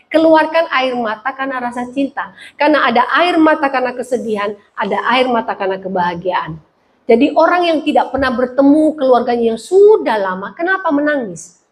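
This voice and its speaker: High-pitched lady pastor, funny stories, punchy repeated lines in her sermon. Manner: humorous storytelling, emphatic call-and-response phrasing.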